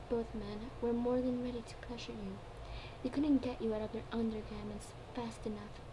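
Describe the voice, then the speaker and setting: A woman giving an amateur dramatic reading of a story, now and then stumbling over her words and repeating phrases. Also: on the high side. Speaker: fan fiction reader. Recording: clearly noisy home recording.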